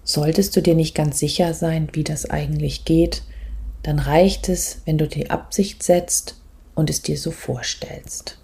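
Speaking low with fairly even intonation, a woman leads a meditation as a spiritual coach. She is gentle and measured, lets pauses fall between phrases, and her husky voice goes breathy at the ends.

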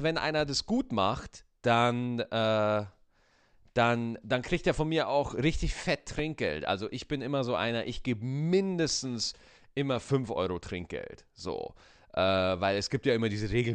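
A man ranting casually to his listeners, swearing and tagging his sentences with quick asides. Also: lowish voice. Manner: crude, swearing, animated ranting with many "ne?" and "ja?" tags. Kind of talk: casual comedic rant.

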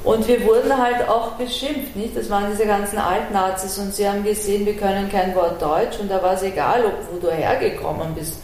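A middle-aged Iranian woman raised in Vienna, an artist and activist, is a guest in a conversational interview, speaking frankly and reflectively in long run-on sentences. Her mid-range voice is darkish and steady, a little fast with few pauses. The recording has a roomy echo and faint ambient noise.

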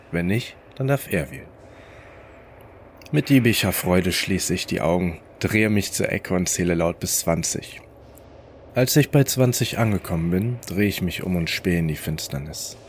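A man narrating a first-person story in a calm, low-key inner-monologue manner. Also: moderate pace, slight background noise.

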